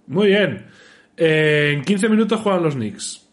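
A man hosts a casual live stream, teasing his guests as he keeps the conversation moving. His voice sits a little high and swings widely in pitch. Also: animated, slow pace. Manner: teasing, steers the talk.

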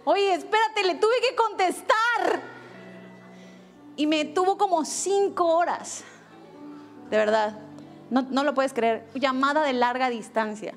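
A woman pastor preaching a sermon, telling a lively personal story and acting out quoted lines. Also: high voice, takes it slowly, pauses often, soft background music. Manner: animated storytelling with acted quotes.

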